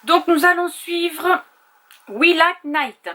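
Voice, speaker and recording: A woman's voice: extremely high pitch, takes it slowly, sharp tone. A woman vlogger chatting casually at home, thinking aloud with small hesitations as she goes. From France. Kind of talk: casual chat.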